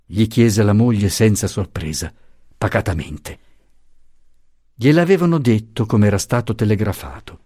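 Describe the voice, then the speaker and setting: A man narrating a literary novel in a slow, measured, expressive reading, recorded close. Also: lowish voice, no room sound. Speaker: audiobook narrator.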